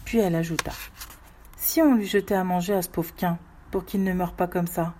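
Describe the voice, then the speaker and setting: A woman voicing a meek, resigned female farm servant who speaks gently in a storybook reading. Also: fairly low pitch, fairly even intonation, a little fast, slight background noise, close to an everyday voice.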